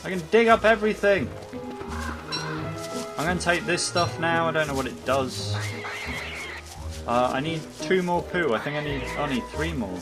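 A man giving jokey let's-play commentary, chatting to his in-game pet and swinging from bragging excitement to comic panic. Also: on the high side, normal speed, long pauses, music in the background. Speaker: gaming YouTuber.

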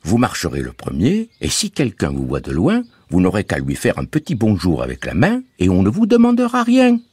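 A man voicing Bouzig, a cheeky, breezy male canal keeper who talks in loud, coaxing exclamations. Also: deep voice, wildly swooping pitch, a little fast, slightly rough, dry recording, pitched above the performer's own voice, heavily acted. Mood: eager.

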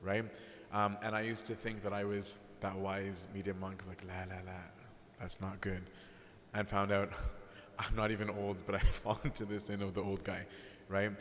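A man's voice: on the low side, flat delivery, normal speed, a bit bright. A male priest giving a conversational sermon, candid and self-deprecating, often checking in with "right?". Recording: echoey hall, faint background noise.

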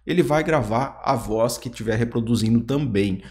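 A man with a Brazilian Portuguese accent hosting a software tutorial, chatting straight to the viewer and pointing out each step. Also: mid-range voice, normal speed. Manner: chatty, addresses viewer directly, pointing things out. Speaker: YouTube tutorial host. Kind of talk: screen-recorded software tutorial.

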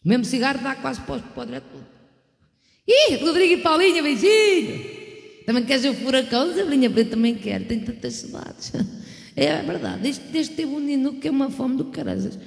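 Middle-aged Portuguese woman, high-pitched, casual bawdy live-stream host; long hall reverb. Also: sing-song, fairly quick, gravelly. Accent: European Portuguese. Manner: bawdy, chatty, laughs often, sends kisses to viewers. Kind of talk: casual live-stream chat with shout-outs. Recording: echoey room with long reverb and music.

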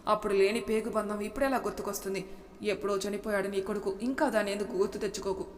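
A woman's voice: medium pitch, steady tone, fast talker, natural voice. Janakamma, a woman doing a stern older mother. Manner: reproachful, lecturing. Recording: reverberant room with faint noise.

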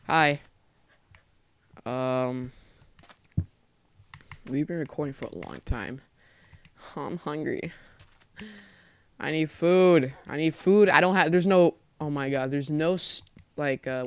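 A man's voice: fairly high pitch, smooth. A young man swearing his way through a let's play, jumpy and panicky, talking to himself as he plays. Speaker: gamer.

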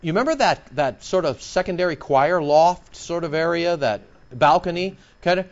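A male pastor preaching a sermon in an animated way, throwing out sarcastic rhetorical questions. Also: fairly high pitch, moderate pace.

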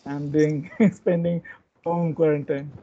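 A man's voice: on the high side, little pitch movement, takes it slowly, dark tone. A man from Bangladesh giving a plain, orderly self-introduction as a new student over a video call. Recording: dull video-call audio.

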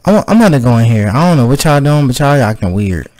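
A man playing a horror game and reacting out loud, jumpy and exclaiming as he talks to himself. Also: medium pitch, big pitch swings, quick pace, no room sound. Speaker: gaming video host. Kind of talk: let's play commentary on a horror game.

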